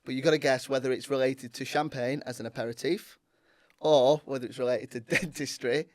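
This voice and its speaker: A man's voice: medium pitch, fairly even intonation, a little fast, darkish tone, a little hiss or hum. A man with a Northern English accent hosting a podcast, jokey and upbeat, laughing often in casual chat. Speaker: podcast host.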